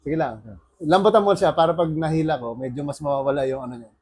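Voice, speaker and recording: A man working as a bone setter, talking a patient through a massage with calm, soothing instructions to relax and breathe. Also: a little high, fast talker, slight background noise. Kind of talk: casual coaching during a massage treatment. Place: on a yacht.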